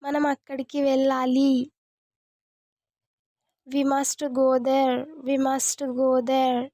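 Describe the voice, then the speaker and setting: A woman, teaching English as a language lesson, saying each sentence twice in a slow, deliberate way. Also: sits high, monotone, dark tone, no room sound.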